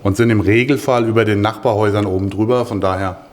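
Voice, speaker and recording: A middle-aged man from Hesse, Germany, working as a sales adviser in a show house, gives explanatory interview answers in a matter-of-fact, informal way. His voice sits on the low side, with fairly even intonation and a quick pace.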